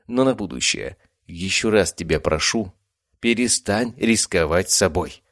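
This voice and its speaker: A man's voice: deep voice, animated, unhurried, fairly bright tone, dry recording, clean studio sound, exaggerated voice. A man voicing a firm, caring young nobleman hero who scolds his companions in an audiobook.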